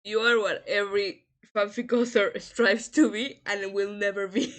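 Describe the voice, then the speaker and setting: Upbeat woman host of a casual live podcast, quick to laugh and cheer her guest on. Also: medium pitch, fairly even intonation, a bit bright. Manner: enthusiastic, laughs often, encouraging. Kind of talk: casual livestream podcast interview.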